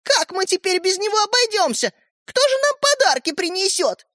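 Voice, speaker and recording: A woman voicing a bossy know-it-all schoolgirl sister in an audiobook, shrill and mocking. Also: very animated, moderate pace, fairly bright tone, no room sound. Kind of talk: audiobook character voice. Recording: dry close recording.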